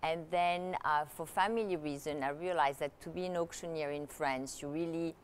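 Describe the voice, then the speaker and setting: An Italian-born woman with a low voice, fairly even intonation and a moderate pace is a guest on an interview, where she works as a luxury consultant and author. Italian is her first language, and she walks through her career chattily, full of fillers and restarts. A faint hiss or hum sits in the recording.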